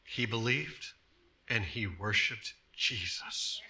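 A man in his thirties, a pastor preaching a sermon in a church, dropping to soft hushed tones and rising to loud emphatic bursts. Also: fairly low pitch, expressive, slow, slight background noise. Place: church sanctuary.

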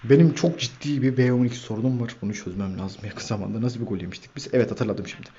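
A man hosting a gaming channel, giving lively commentary over his own football video game match, shouting player names and cursing at his players. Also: medium pitch, fast, highs cut off, slight background noise.

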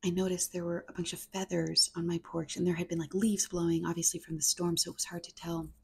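A woman in her thirties rambling casually in a soft-spoken ASMR video, close to a small mic. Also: fairly low pitch, level tone, fast, creaky, breathy edge. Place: home kitchen, indoors. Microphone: mini mic close up on counter or handheld.

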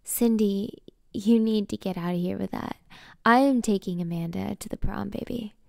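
A woman voicing an easygoing high school boy in a storybook reading, with a relaxed, friendly drawl and a gravelly voice. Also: moderate pace, no echo, clean studio sound, close to an everyday voice. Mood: teasing.

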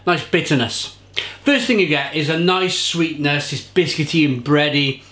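A man in his thirties delivers an enthusiastic, casual beer tasting review to camera from the kitchen bar of his home, where shelves of bottles line the walls. His fairly high voice moves at a moderate pace with a sharp tone, and the room sounds spacious. He gestures a lot while describing the flavours.

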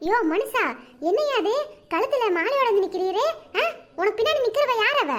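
A woman voicing a quick-tempered village wife in a cartoon, exclaiming loudly with a Kanyakumari Tamil accent. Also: soft background music, natural voice. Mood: bewildered. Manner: shrill, exclaiming.

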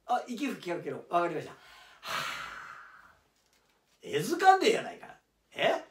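A man voicing an excitable Kansai-dialect laborer who is a devoted fan, loud and lively. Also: high-pitched, fast, slight background noise. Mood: excited. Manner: loud, excitable, shouting at times. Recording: roomy, distant mic.

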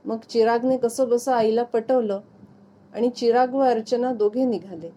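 A woman reading a short story aloud in a calm, even narrating manner. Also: a little high, unhurried, dull audio. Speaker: story reader.

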